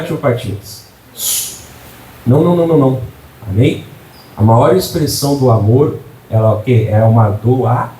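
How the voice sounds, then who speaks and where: In a church, a male pastor preaches a sermon to his congregation in a slightly mellow, mid-range voice. He fires off rhetorical questions, calls for "amém," and tosses jokey asides to the listeners. The mic sits at a distance in a roomy hall, with a bit of background noise.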